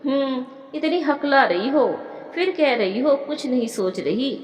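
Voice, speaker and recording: A woman voicing a caring young married woman who speaks in a gentle, reassuring way. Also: sits high, lively intonation, a little slow. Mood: coaxing. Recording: echoey room with long reverb.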